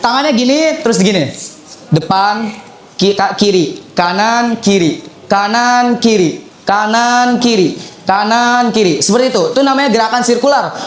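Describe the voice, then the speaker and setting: A man's voice: high-pitched, moderate pace. A young man teaching public speaking to students, repeating phrases as he demonstrates hand gestures. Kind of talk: lively seminar teaching to students. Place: school hall with students. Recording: echoey room.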